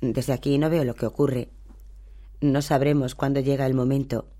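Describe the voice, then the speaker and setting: Man reading as a teenage schoolboy, brooding, determined, low and firm, dark mellow tone. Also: level tone, normal speed, natural voice.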